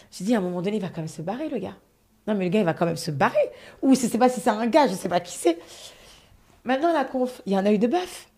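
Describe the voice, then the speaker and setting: Woman, live storyteller, fairly high voice, dramatic and animated, swears, talks to her viewers. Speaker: storyteller host of a live stream.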